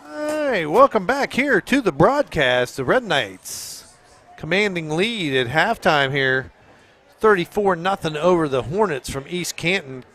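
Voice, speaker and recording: A man commenting on a local high school football game, reading off stats in a friendly way. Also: sing-song, measured pace, a bit bright. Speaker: sports commentator.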